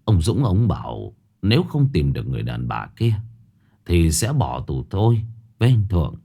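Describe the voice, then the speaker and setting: A man voicing a stern, worn-out elderly father who talks gruffly in a storybook ghost tale. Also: sits low, big pitch swings, normal speed, dark tone, voice pushed down, full character voice. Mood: grim. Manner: gruff, snapping.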